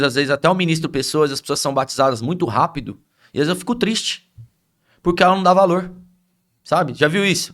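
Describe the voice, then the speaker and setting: A man's voice: fairly high pitch, fairly bright tone. A man with a Brazilian Portuguese accent, an itinerant pastor telling ministry stories in a podcast conversation.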